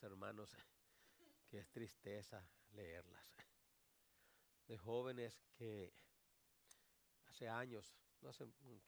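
Slow low-voiced man preaching. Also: creaky. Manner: swings from low murmur to shouted exhortation. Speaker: pastor. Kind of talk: sermon. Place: church sanctuary.

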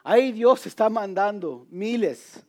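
A man preaching a sermon, telling stories and quoting lines in a soft low voice, slipping in English words now and then. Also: animated, a little slow. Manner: storytelling with acted quotes, occasional English words. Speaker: pastor.

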